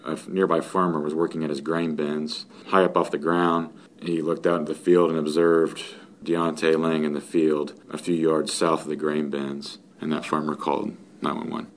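A man's voice: extremely low pitch, level tone, normal speed, few pauses, a little hiss or hum. A man giving a factual interview account as an investigator, in formal procedural police phrasing. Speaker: sheriff's investigator being interviewed.

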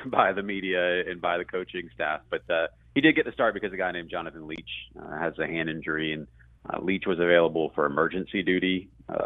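A man with a low voice talks sports as a guest on a radio play-by-play, analyzing in a chatty, conversational style. The line sounds muffled, band-limited and phone-like, with no echo.

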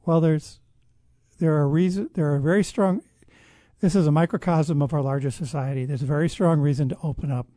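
A man appears as a guest expert on public health in a conversational interview, explaining at length in a measured manner and frequently restarting sentences. His voice is fairly high, mellow and evenly intoned, with no echo.

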